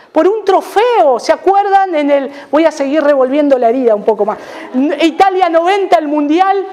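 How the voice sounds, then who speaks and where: A middle-aged Argentine pastor delivers a sermon in an emphatic preaching manner. He hammers key phrases by repeating them. His voice swings widely in pitch and volume as he presses each point. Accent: Argentine Spanish.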